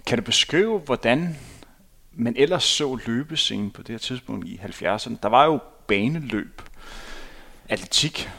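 Interviewer, male, gravelly voice, steady questioning in a studio. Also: medium pitch. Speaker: podcast host.

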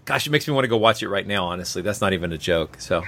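A man's voice: deep voice, lively intonation, very fast, fairly bright tone. A man co-hosting a podcast, talking in an engaged, conversational way. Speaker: podcast co-host. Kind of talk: casual podcast chat and scripted show outro.

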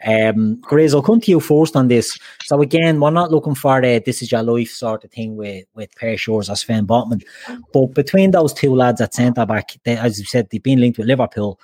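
Dublin guy hosting a casual football chat, dry sound, mid pitch. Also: moderate pace, darkish tone, no echo. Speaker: host of a football discussion show. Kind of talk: casual sports chat, posing questions to guests.

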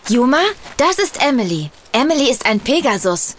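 A calm, level-headed companion. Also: female voice, on the high side, moderate pace, slight background noise.

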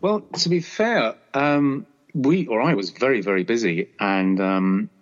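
A man's voice: medium pitch, measured pace, a little hiss or hum. A man talking casually as an interview guest, hesitant and often searching for words. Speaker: show guest. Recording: dull lo-fi audio.

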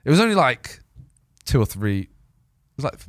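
A man's voice: medium pitch, very animated, normal speed, dry recording. A young man co-hosting a podcast, chatting casually, laughing often and acting out quoted dialogue. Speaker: podcast co-host. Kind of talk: casual chat.

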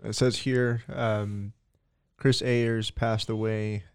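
Halting male podcast co-host, fairly low voice. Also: flat delivery, smooth, no room sound, clean studio sound. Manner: halting, many ums and restarts. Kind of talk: casual chat.

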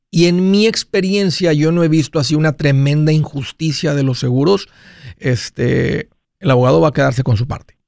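A man hosts a call-in advice show in a conversational, explanatory way. His voice sits a little high for a man and has a strong gravelly fry. He restates points as he goes, and the sound is close and dry. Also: dry recording. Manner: explanatory, rephrases and repeats points. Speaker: call-in show host and financial adviser.

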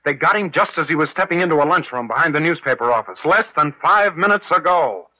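An actor playing a brash young newspaper reporter in a 1950s radio drama, talking quickly and urgently. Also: male voice, on the high side, expressive, sharp tone, lo-fi sound.

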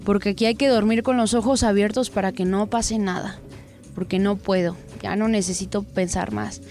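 A woman giving a dramatic first-person story reading, full of crude slang and unhurried delivery. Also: mid-range voice, fairly even intonation, a little mellow, faint music behind. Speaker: narrator.

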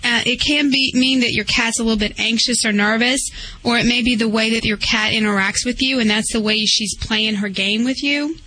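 Female on-air vet, casual call-in advice, bright and a bit husky, higher pitch. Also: fairly even intonation, a little fast, dry recording, rough recording. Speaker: veterinarian giving advice on air.

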